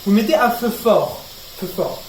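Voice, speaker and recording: A young man with a high, lively voice vlogs while cooking in his home kitchen, talking a little slowly and rambling chaotically with self-mocking, sweary asides. The kitchen echoes, a pan sizzles, and food can be heard frying and being stirred under slight background noise.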